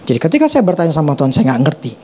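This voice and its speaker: A middle-aged man preaching, his voice sitting a little high for a man. He talks in loose, slangy speech, swinging his pitch up and down with lively animation. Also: racing, slight background noise. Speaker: pastor. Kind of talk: sermon.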